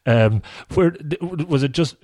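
A man's voice: fairly high pitch, expressive, slow, dark tone, no echo, studio quality. A man hosting a conversational interview, feeling his way through questions with hesitant, searching phrasing. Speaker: podcast interviewer, host.

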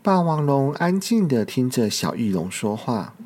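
Children's storyteller, picture-book reading, slow, gentle, expressive. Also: mid-range voice.

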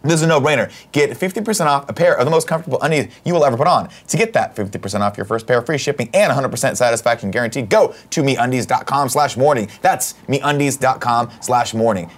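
A man's voice: mid-range voice, expressive, quick pace, few pauses. A man co-hosting a comedy podcast, joking around and reading sponsor ads in a hammy announcer manner. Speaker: podcast co-host. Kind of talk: casual chat and live-read ads.

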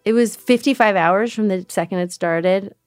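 A woman telling a personal story as a podcast guest, candid and animated, acting out what others said. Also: mid-range voice, normal speed, no echo, clean studio sound, faint music behind. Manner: candid, animated retelling with quoted voices.

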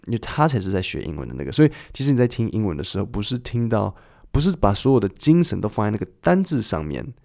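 A man's voice: on the low side, creaky, a little mellow. A man hosting a podcast listening lesson, patiently explaining and asking the listener questions in a conversational way. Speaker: podcast host and English listening teacher.

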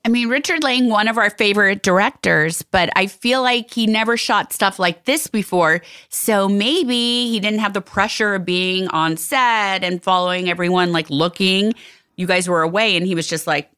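Smooth-voiced woman gushing like a fan. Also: medium pitch, normal speed, bright, forceful tone. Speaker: podcast co-host. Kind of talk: casual rewatch podcast chat.

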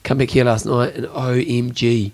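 A man with a broad New Zealand accent bantering casually as a podcast co-host, animated and teasing, with blokey slang. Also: mid-range voice, normal speed.

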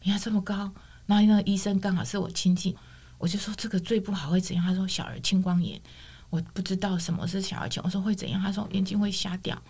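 Here the same middle-aged guest talks at a quick pace in a mid-range voice with a breathy edge. Telling her testimony expressively, she performs each line of quoted dialogue.

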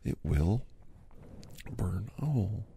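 A chatty male doctor in his fifties, played by a man in a whispered role-play, gravelly and dark-toned. He rambles in an easy, half-whispered way while giving a massage, close and dry on the mic. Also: lowish voice, animated, takes it slowly, dry recording, heavily acted. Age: 50s. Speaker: ASMR host.

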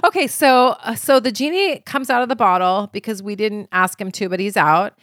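A woman's voice: mid-range voice, normal speed, a bit bright, no room sound, studio quality. Playful woman co-hosting a casual chat. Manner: playful, laughs often, swears casually. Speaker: co-host.

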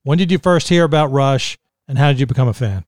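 A man's voice: mid-range voice, fast talker, darkish tone, no room sound, clean studio sound. Friendly man hosting a podcast. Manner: friendly, introduces and asks questions. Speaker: podcast co-host. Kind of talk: casual podcast chat.

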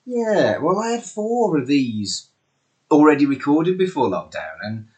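Animated podcast host man. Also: a little high, unhurried, slightly rough. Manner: warm, effusive, animated intonation. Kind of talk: casual interview chat.

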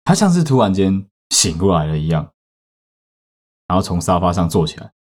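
A man with a Taiwanese Mandarin accent, telling a story casually on a podcast and swearing in sudden loud outbursts. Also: low voice, sing-song, normal speed. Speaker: podcast host.

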